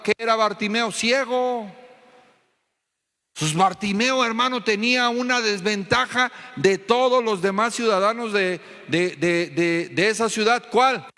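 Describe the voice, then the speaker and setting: A Mexican pastor delivers a fervent sermon, often turning to the congregation with questions. His voice sits high and sounds sharp and bright. The long echo of a church hall rings around it.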